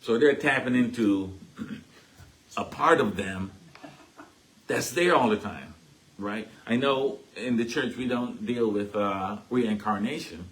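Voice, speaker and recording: At a spiritualist church, a Caribbean-accented man gives a relaxed teaching talk, his fairly low voice carrying a fairly bright tone at a slow pace. Chatty throughout, he punctuates his points with "right?", captured on a low-quality recording.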